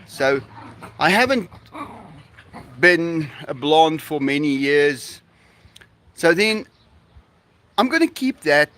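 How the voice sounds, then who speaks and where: A South African man with an Afrikaans accent chats casually on his live stream, laughing a lot and playing with his dogs. His voice sits on the high side with a fairly bright tone.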